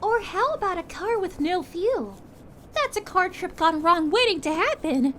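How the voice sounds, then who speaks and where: A woman voicing a sweet, caring young princess in a calming roleplay, speaking to a friend in a gentle, reassuring, chatty way. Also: very high voice, unhurried, slight background noise, heavily acted. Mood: soothing, encouraging. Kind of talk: calming ASMR audio roleplay.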